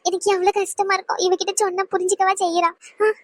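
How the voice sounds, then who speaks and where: A woman's voice: extremely high pitch, level tone, fast talker, no room sound, clean studio sound. A woman voicing an anxious, tearful middle-aged mother in a cartoon family drama. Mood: distressed.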